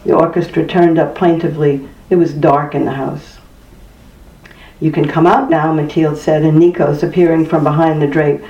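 Mellow audiobook narrator in a roomy space. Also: medium pitch. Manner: measured, even storytelling. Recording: distant, roomy, dull-sounding recording.

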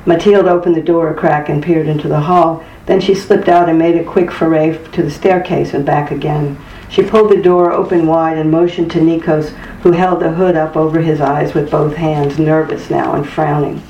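A narrator reading a story aloud in a measured, even way. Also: mid-range voice, a little hiss or hum. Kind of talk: scripted audiobook narration. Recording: distant, roomy, dull-sounding recording.

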